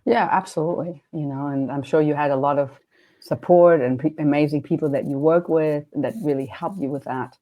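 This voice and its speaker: A woman's voice: low voice, steady tone, fairly quick, dark tone. A woman with a German accent hosting a casual interview, chatty and often restarting her sentences. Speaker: podcast host and coach.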